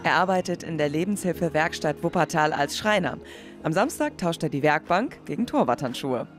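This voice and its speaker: A man reading a news voice-over in a plain, even way. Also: on the high side, brisk, faint music behind. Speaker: news reporter.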